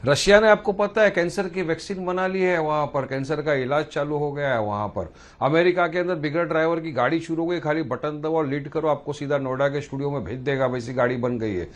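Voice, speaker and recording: Heated, sarcastic high-voiced man. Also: a little fast. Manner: heated, sarcastic, talks over others. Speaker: panel guest. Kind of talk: televised political debate.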